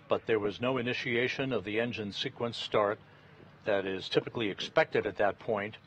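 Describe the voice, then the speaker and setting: A man giving live launch commentary from mission control in a halting, deliberate, matter-of-fact way. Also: lowish voice, a bit bright. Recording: dull broadcast audio, faint noise.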